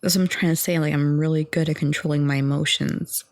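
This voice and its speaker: A young woman in her twenties, talking in a soft, rambling, calm ASMR chat into a close mic. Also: deep voice, fast, dry recording. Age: 20s. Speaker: ASMR audio creator.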